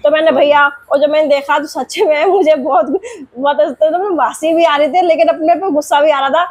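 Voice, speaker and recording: A woman's voice: high-pitched, steady tone, moderate pace. A young woman vlogger and mother telling a home story in a chatty, rambling way, repeating herself as she goes, then drawing a moral.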